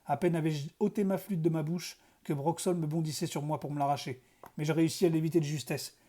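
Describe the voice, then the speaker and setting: Male narrator, children's audiobook, mellow and warm, slightly high voice, steady delivery. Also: a little fast. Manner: steady first-person storytelling.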